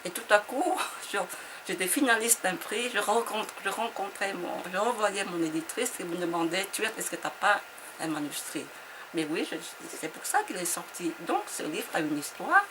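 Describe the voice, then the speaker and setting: A woman's voice: medium pitch, animated, normal speed. A woman author from Vietnam, speaking in a reflective interview conversation. She hesitates and often repeats her words as she searches for them. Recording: noisy background.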